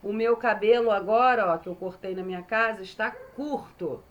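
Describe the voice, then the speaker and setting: A woman's voice: medium pitch, highs cut off. A woman with a Brazilian Portuguese accent teaching young children phonics, patiently sounding out syllables and checking in with them. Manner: slow and patient, sounding out syllables, frequent "certo?" check-ins. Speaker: primary school teacher.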